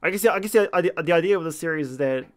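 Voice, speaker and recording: A man, chatting informally and haltingly about games as a streamer, swearing casually. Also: a little high, no echo. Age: 20s. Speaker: streamer and host of a gaming series. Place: small room at home. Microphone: close desk microphone.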